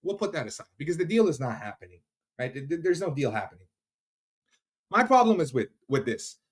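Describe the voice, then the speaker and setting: A man's voice: fairly high pitch, sing-song, brisk. Angry profane man ranting on stream. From Iran. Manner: angry, profane, addresses viewers directly. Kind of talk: heated live-stream rant.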